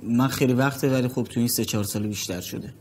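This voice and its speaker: A man's voice: mid-range voice, fairly even intonation, a little mellow, a little hiss or hum, close to an everyday voice. A man in his twenties playing a film's lead, narrating in voice-over as a young man struggling to keep his anger in check. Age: 20s. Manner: tense and clipped, grows agitated.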